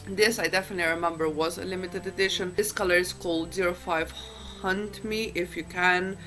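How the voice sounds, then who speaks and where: A woman's voice: on the low side, fairly even intonation, fairly quick, a bit bright, faint music behind, poor audio. A woman chatting casually to camera as a beauty vlogger, in a groggy just-woken-up morning voice and a chatty, self-deprecating way.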